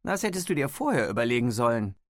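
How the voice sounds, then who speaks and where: A man's voice: medium pitch, very animated, fast talker, dry recording, clean studio sound, close to an everyday voice. A man voicing a stocky, good-humoured teenage boy in mock-angry banter in an audiobook. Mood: mock anger. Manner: gruff mock-threatening banter.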